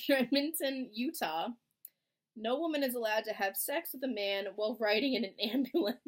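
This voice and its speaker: A woman's voice: a little high, moderate pace. Young woman cohost, casual, blunt and sweary, lots of likes and ums. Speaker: podcast co-host. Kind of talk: casual chat.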